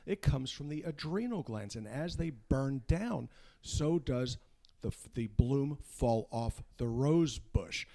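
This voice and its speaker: A man's voice: mid-range voice, expressive, takes it slowly, warm tone. A man speaking as a guest doctor, giving an informal medical lecture in an emphatic, folksy way with rhetorical questions. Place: unfinished studio.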